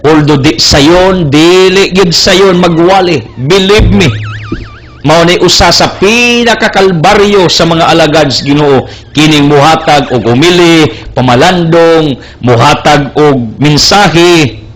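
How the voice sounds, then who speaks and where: Earnest young preacher, slow. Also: male voice, fairly high pitch, fairly bright tone, slight background noise. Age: young adult. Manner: earnest, emphatic, mixing English into his preaching. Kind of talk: sermon.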